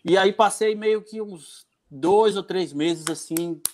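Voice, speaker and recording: A man's voice: high voice, slow, darkish tone. A man with a northeastern Brazilian Portuguese accent, chatting casually in an informal, slangy way. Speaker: podcaster guest. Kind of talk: casual chat.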